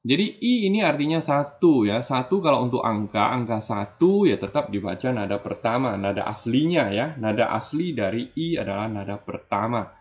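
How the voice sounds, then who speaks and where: A man's voice: mid-range voice, expressive, moderate pace. A man teaching Mandarin tones in a video lesson, stretching out his example syllables. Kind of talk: online language lesson. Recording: dull lo-fi audio.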